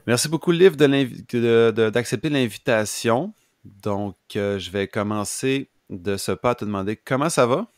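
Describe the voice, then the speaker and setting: A man with a Québécois accent hosting a casual podcast interview, asking questions in a halting way and repeating words as he goes. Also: mid-range voice, faint music behind. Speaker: podcast host.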